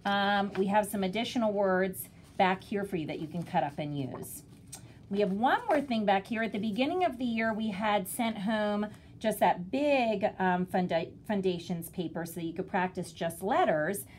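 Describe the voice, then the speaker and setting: A woman with a medium-pitched voice speaks as a kindergarten teacher. She walks parents through instructions in simple steps. Some faint noise and room ambience sit behind her. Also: moderate pace. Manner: simple step-by-step explaining, sounding out words.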